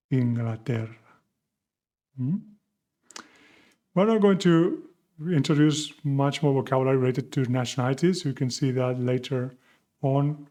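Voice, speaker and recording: Darkish in tone and medium in pitch, this man's voice carries a beginner Spanish lesson. He's patient, asking questions and answering them himself, and he mixes English and Spanish.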